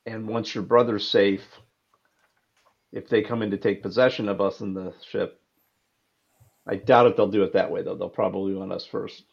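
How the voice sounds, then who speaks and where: A man's voice: lowish voice, steady tone, moderate pace, gravelly, long pauses, slightly rough. A man playing a tabletop game, thinking aloud about a plan. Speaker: player. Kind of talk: casual game talk. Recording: dull lo-fi sound.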